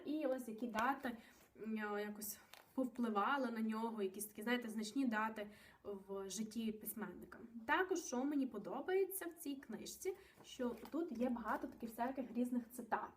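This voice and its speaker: High-voiced chatty woman reviewing books. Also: slight background noise. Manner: chatty and rambling, with many fillers and self-corrections. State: nervous. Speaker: book vlogger. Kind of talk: casual book review vlog. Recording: voice a bit distant from the mic.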